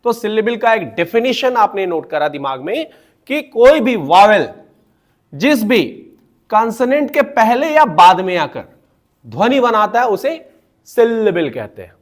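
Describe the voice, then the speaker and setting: A man teaching pronunciation, explaining syllables patiently and spelling out words slowly. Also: high voice, very animated. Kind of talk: classroom-style explanation.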